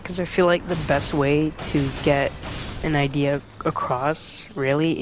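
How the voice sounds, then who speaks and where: Young guy rambling while gaming, lots of likes, faint hiss behind him. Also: on the high side. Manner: hesitant, full of "like" and restarts, soft-spoken. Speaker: gaming streamer. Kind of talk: rambling commentary while playing a game.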